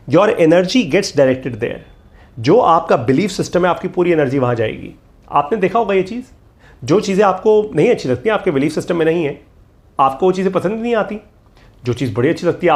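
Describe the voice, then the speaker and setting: A darkish, higher-side voice belongs to a middle-aged man running a motivational course. He hammers points emphatically, repeats key lines, and works English phrases into his speech.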